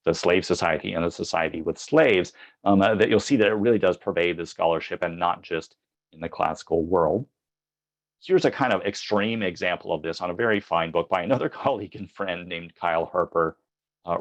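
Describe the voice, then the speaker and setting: A man lecturing on history, speaking in a measured way with frequent ums and uhs. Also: low-pitched, gravelly, muffled recording. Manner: reads quoted passages from books aloud. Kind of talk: academic lecture.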